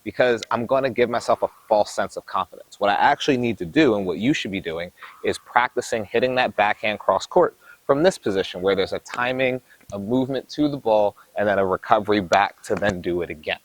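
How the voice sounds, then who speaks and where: A man coaching tennis, explaining drills in an energetic, explanatory way while demonstrating on the court. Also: lowish voice, a little fast, rough recording. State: a little out of breath. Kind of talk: instructional coaching talk.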